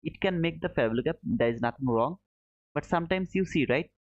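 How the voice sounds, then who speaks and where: Hosting a relaxed trading livestream, a Bangladeshi man reads out viewer chat, calls everyone "brother," and throws in "boom." He's friendly and chatty, speaking animatedly and a little fast. The audio is dull, dry, and slightly muffled.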